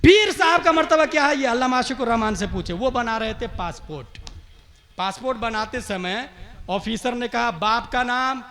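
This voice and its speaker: A male Islamic preacher giving a fiery sermon at a conference, building rhythmic repeated lines to shouted peaks, then dropping into quick conversational asides. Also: very high-pitched, animated.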